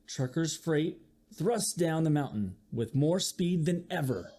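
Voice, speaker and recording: In a slightly high, unhurried voice, a man gives an animated, teacher-style read-aloud of a children's picture book. He performs the sound effects with expression and keeps asking the young audience questions.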